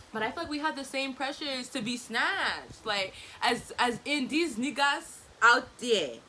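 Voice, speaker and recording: A woman's voice: mid-range voice, bright, forceful tone, a little hiss or hum, rough recording. A woman, chatting casually and animatedly in slangy bursts while she does her makeup. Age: 20s. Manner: talking distractedly while applying makeup. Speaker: vlogger. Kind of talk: casual get-ready-with-me chit chat.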